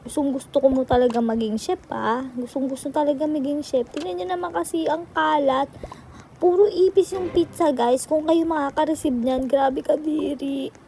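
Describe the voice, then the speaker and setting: A woman's voice: high-pitched, fairly even intonation, moderate pace, dark tone, slight background noise. A woman giving chatty commentary on a video game, calling out to her viewers and exclaiming often. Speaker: gaming vlogger. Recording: music playing behind the voice.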